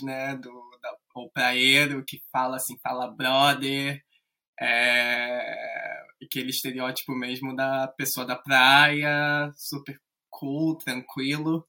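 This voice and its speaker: A man from Rio de Janeiro with a Carioca accent, chatting as a guest in a relaxed, hesitant way with many fillers. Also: mid-range voice, slow. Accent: Carioca Brazilian Portuguese. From Rio de Janeiro, Brazil. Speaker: guest, English teacher. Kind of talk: casual chat.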